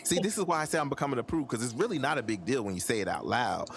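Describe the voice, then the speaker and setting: A man's voice: medium pitch, expressive, very fast, a bit bright, slight background noise. A man hosting a casual podcast chat, ranting emphatically and swearing freely. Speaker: podcast host.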